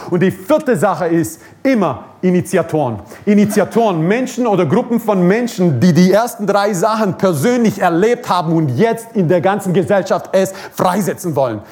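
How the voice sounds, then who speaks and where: A man's voice: high voice, a little mellow. A man preaching a sermon at a church service, emphatic, repeating his key phrases and chuckling now and then.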